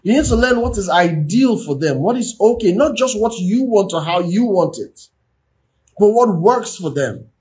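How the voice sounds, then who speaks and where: A man's voice: high voice, expressive, moderate pace, darkish tone. A man speaks on a livestream as a relationship coach. His delivery is preachy and full of repeated phrases. He regularly checks in with his listeners by asking whether they understand. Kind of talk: livestream marriage advice talk.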